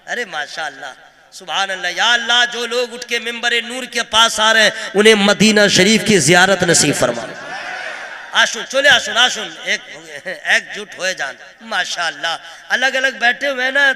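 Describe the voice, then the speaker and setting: A male preacher from Kolkata giving a humorous sermon, teasing the audience and chanting verses in a slow melody. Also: high-pitched, pushed and bright. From Kolkata, India. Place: religious gathering with a pulpit.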